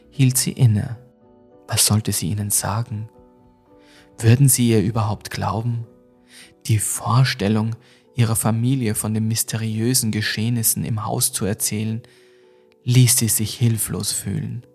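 A man narrating a scripted ghost story for a mystery podcast, measured and suspenseful. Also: on the low side, a little mellow, breathy edge.

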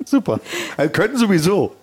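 A man hosting a casual interview at a festival, chatty and quick with short affirming interjections. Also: high-pitched, sing-song, slightly rough, no room sound. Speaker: podcast host interviewing chefs.

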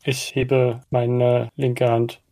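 A man with a gravelly, mid-pitched voice plays a tabletop game. He improvises casually and haltingly, recorded dry and close. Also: completely flat delivery, mellow, no echo. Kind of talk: casual, improvised role-play talk.

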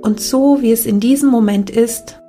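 A woman leading a guided meditation in a soft, calming, unhurried manner. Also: on the high side. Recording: background music behind the voice. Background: meditation music.

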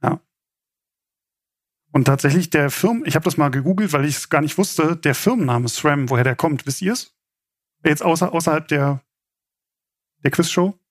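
A man's voice: a little high, moderate pace, long pauses, no room sound, clean studio sound. A man speaking as an informal game show host, chatty and explanatory as he runs a quiz. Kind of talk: casual game show hosting.

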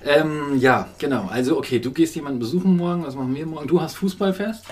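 A woman hosting a casual family chat, chatty and teasing, often pausing with fillers. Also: deep voice, a little mellow, slight background noise. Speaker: podcast host and mother.

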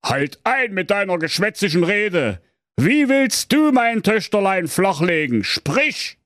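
A man's voice: sits high, very animated, slow, fairly bright tone, dry recording, studio quality, voice pushed up, exaggerated voice. A man voicing a grumpy, impatient king in a bedtime story, blunt and mocking. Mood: commanding. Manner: gruff, brusque.

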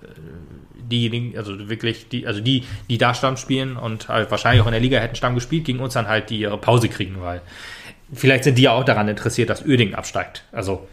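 A man co-hosting a casual football podcast, talking hesitantly with many fillers and restarts. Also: medium pitch. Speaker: podcast co-host.

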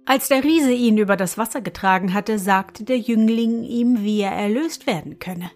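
A woman reading a fairy tale aloud for a podcast in a calm, measured manner. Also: medium pitch. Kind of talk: storybook reading. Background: faint music.

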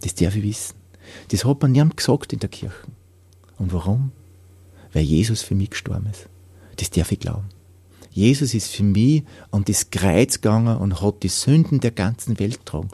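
A man giving an earnest personal faith testimony, often dropping to soft whispers when moved. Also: fairly low pitch, expressive, normal speed, slightly rough, no echo.

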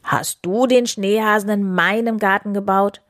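A woman's voice: mid-range voice, fairly even intonation, moderate pace, natural voice. A woman voicing a grumpy, grouchy big male bear who grumbles and growls in a storybook read-aloud. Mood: grumbling.

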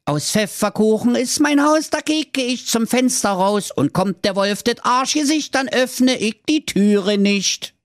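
A man squeaking as a rude little piglet girl. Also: expressive, measured pace, few pauses, dry recording, studio quality. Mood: singing gleefully. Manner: squeaky, insolent, sing-song. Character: small rude cheeky female piglet.

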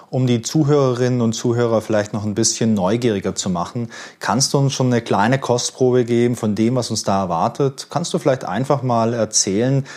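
A man's voice: medium pitch, darkish tone. A man hosting a casual interview, asking friendly, curious questions with a few fillers. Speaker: host.

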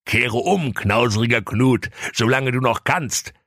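A man's voice: medium pitch, measured pace, a bit bright, dry recording, clean studio sound, voice pushed up. A man voicing the solemn ghost of a dead, stingy old business partner in a comic audio story. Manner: solemn, grave warning tone.

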